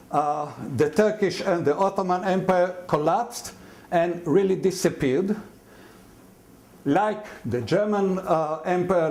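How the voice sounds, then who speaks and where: A man in his seventies or older, born in Mandate Palestine, giving a university lecture in an explanatory, halting way with many fillers and restarts. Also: high-pitched, a little mellow. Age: 70s or older.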